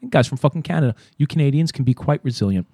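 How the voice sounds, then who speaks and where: A player co-hosting a podcast rants with lots of swearing, his voice mid-range, nasal from a cold, creaky and slightly rough. He speaks rapid-fire amid casual banter, recorded in studio quality with no room sound.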